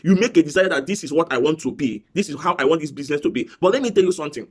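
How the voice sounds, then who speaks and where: A man giving a business coaching talk, repeating key phrases with slow, preacher-like emphasis. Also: a little high, lively intonation, breathy edge.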